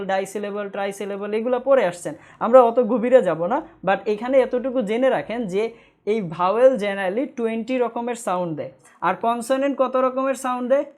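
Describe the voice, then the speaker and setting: A woman teaching an English grammar lecture who asks questions and answers them herself, repeating key points slowly. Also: on the high side, a little mellow. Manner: firm with viewers about pointless comments.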